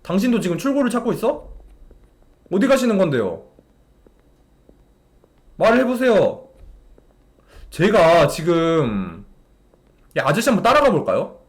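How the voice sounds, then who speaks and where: Exasperated high-voiced male game streamer. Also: big pitch swings, measured pace, long pauses. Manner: exasperated, talks to a game character and chat. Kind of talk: live gameplay commentary to chat.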